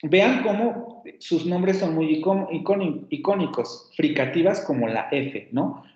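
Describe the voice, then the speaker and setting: A Mexican Spanish-accented man teaches a phonetics class, his voice sitting a little high. He explains patiently and repeats sounds aloud as demonstrations. The audio is dull and lo-fi, with the echo of a bare room. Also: expressive, unhurried, darkish tone. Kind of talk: online class lecture.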